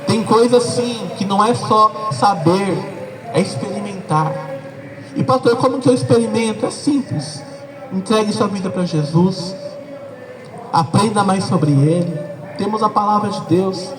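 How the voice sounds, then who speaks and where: A man's voice: sits high, a little slow, far from the mic, noisy background. A Brazilian man preaching a sermon as pastor, talking conversationally and emphatically straight to his listeners. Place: church service with a congregation.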